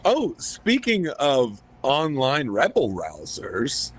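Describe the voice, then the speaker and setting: A man's voice: medium pitch, huge pitch swings, slow. Wry, quipping male podcast co-host. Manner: wry quips, jokey asides. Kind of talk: casual chat.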